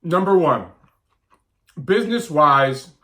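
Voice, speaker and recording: A man's voice: fairly high pitch, animated, slow pace, pushed and bright. A man in his thirties talking casually to camera as a vlogger and diet coach, blunt and emphatic, often repeating his points. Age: 30s.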